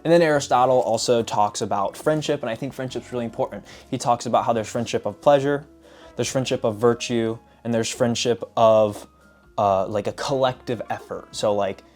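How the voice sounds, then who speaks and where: A man casually summarizing lessons from books, telling stories in an animated way with repeated filler phrases. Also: mid-range voice, moderate pace, soft background music. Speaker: book reviewer. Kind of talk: casual book summary vlog.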